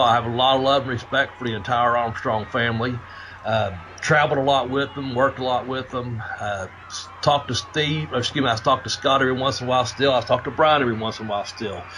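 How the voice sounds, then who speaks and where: In a mid-range voice, a man who used to wrestle tells stories on his podcast, rambling, swearing and frequently starting over as his voice starts to go a bit. It's casual storytelling. There's slight background noise and the recording is rough.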